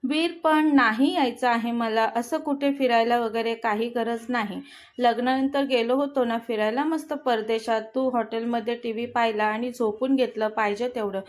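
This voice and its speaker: Woman playing a snappy young wife, annoyed and sharp-tongued, a bit high pitched. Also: fairly even intonation, normal speed, close to an everyday voice. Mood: irritated. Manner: snappish, irritated.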